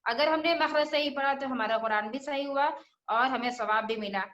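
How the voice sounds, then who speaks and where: A woman's voice: sits high, normal speed, a bit bright, reverberant, highs cut off. A woman teaching children Quran recitation, patiently repeating each letter sound and asking questions as she goes. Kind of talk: religious lesson for children.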